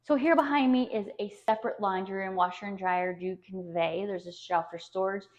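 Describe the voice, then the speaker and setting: A woman's voice: medium pitch, a little fast. Gushing woman real estate agent, lo-fi sound. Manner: gushing, chatty sales talk. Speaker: real estate agent giving a home tour. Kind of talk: casual walk-through video tour, narrated on the move. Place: indoors, walking through a house. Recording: dull, lo-fi sound.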